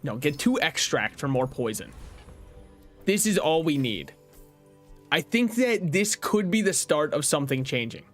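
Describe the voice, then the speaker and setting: A man's voice: a little high, big pitch swings, measured pace, a bit bright. A man streaming a card game, talking casually through his moves, swearing now and then and laughing at his own jokes. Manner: chatty, swears, laughs at himself. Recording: faint music behind.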